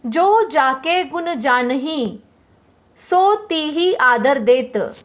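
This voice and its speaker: A woman teaching Hindi poetry meter, explaining patiently step by step and repeating her points to students. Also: sits high.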